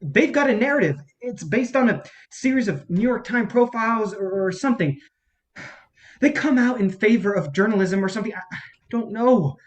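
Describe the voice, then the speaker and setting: Playing an embittered film campaign strategist at wit's end, a staged-reading performer speaks at normal speed in a natural voice, with the high frequencies cut off. The pitch swings dramatically, and the delivery is profane, sarcastic and exasperated, agitated and despairing in mood.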